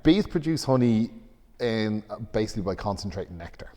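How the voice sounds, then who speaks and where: Male co-host, low voice, rambling explainer, long reverb on the recording. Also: big pitch swings, fairly quick, mellow. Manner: explanatory, hesitant restarts, laughs at own jokes. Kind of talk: casual podcast chat.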